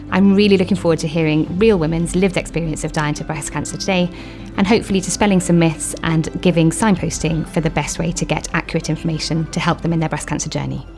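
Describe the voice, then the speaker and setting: A woman consultant surgeon introducing herself in a brisk, upbeat way. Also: low-pitched, darkish tone. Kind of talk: professional introduction.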